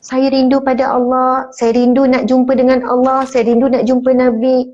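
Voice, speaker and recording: Here is a poor, devout young mother pleading earnestly and gratefully, as a woman recounts her. The voice sits fairly high. The recording is muffled and lo-fi. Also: little pitch movement, moderate pace, a little mellow, natural voice. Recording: muffled lo-fi sound.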